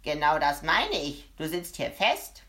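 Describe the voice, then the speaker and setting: A woman reading an audiobook, voicing a spiteful little man who shouts at and sneers at children. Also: sits low, big pitch swings, unhurried, heavily acted. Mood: sneering. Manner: shouting, sneering, gleeful cruelty. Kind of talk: audiobook character voice.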